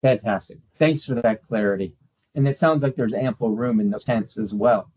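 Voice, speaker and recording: The host of this travel webinar is a man with a mid-range, darkish voice talking at normal speed. He comes across as cheerful, courteous and promotional, though the video call audio is a little muffled.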